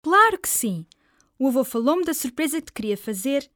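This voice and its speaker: Brief: gentle mother, played by a woman, European Portuguese accent, lively high voice, dry studio sound. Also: moderate pace, dry recording. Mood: motherly. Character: caring mother talking to her son. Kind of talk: scripted dialogue for a listening test.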